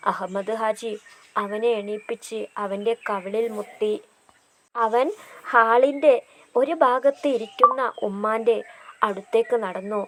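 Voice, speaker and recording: A woman reading a story aloud in a steady narrating voice. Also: on the high side, noisy background.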